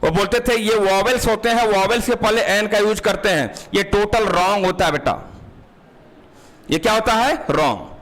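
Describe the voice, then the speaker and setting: A man's voice: sits high, normal speed, fairly bright tone. A man with a Hindi accent teaching English grammar for exam prep, calling students "beta" and quizzing them with questions.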